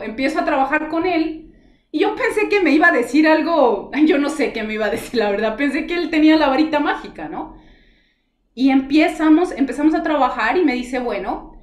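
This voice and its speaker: A woman with a slightly raised voice talks through her story as a guest, earnest and confiding. Her telling is animated and conversational. The room around her rings with noticeable echo. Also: sits high. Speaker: interview guest.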